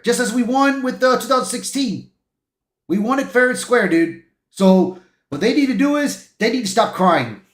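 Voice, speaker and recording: A very high-pitched, slightly bright, reverberant man's voice hosts a livestream, reading articles aloud. His commentary is informal and opinionated, peppered with "bro," "man" and "dude," and he occasionally stumbles over words.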